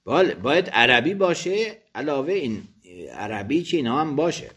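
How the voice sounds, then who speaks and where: A man's voice: a little high, very animated, fairly bright tone. A man teaching religious law, reading each phrase of a text aloud and then explaining it, sometimes correcting himself mid-word. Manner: thinks aloud with quick self-corrections.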